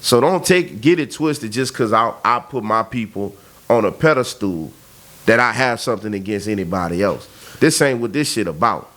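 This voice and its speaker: A man's voice: fairly low pitch, expressive, normal speed, fairly bright tone. A man in his thirties, talking bluntly and emphatically in a casual conversation. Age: 30s. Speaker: podcast host.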